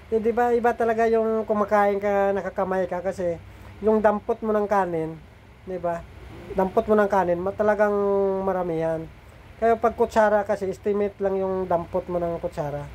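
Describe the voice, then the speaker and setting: Brief: middle-aged food vlogger, mellow and slightly nasal, chatty, keeps checking in with viewers. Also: mid-range voice, slight background noise. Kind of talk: casual eating and cooking vlog.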